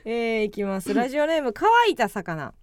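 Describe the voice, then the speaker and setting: A woman's voice: on the high side, animated, normal speed, no room sound. A woman with a Kansai accent co-hosting a comedy radio show, reading out listener letters and making blunt, teasing retorts in casual banter.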